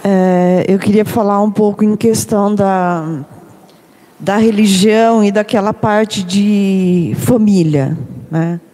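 A woman's voice: mid-range voice, fairly even intonation, slow pace, dark tone. A woman with a Brazilian accent sharing personal thoughts in a discussion, hesitant and checking in with tag questions. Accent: Brazilian Portuguese. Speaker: discussion participant. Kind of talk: personal reflective talk. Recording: long reverb in a room.

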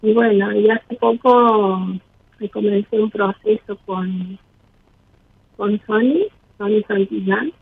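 A woman's voice: medium pitch, fairly even intonation, takes it slowly, creaky, slightly rough. A woman caller, speaking hesitantly with many fillers through a distorted wireless headset on a phone call. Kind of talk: call-in conversation.

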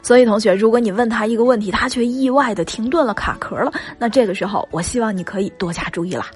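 A woman's voice: a little high, fast talker, faint music behind. A woman coaching her listeners on relationships in a chatty, emphatic spoken lesson full of rhetorical questions.

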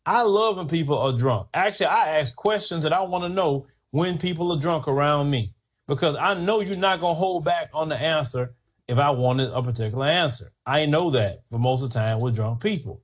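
Animated, opinionated man with a high voice. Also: fairly quick. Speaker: podcast host. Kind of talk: casual commentary podcast.

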